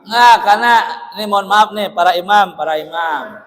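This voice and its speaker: A male preacher giving a dawn sermon in a mosque, telling stories in a lively way, acting out dialogue and often laughing. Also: high voice, a little fast. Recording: echoey hall reverb.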